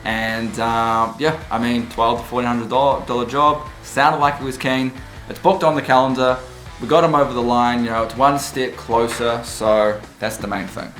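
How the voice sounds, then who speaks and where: A man's voice: medium pitch, little pitch movement, moderate pace, fairly bright tone, roomy sound, faint music behind. A man with a New Zealand accent who runs a car detailing business, talking casually in an informal, salesy way as a vlogger. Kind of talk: casual vlog talk and sales calls.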